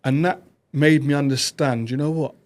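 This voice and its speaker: A man, a podcast guest telling stories about his past in quick, animated bursts. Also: on the high side. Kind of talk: reflective conversational storytelling.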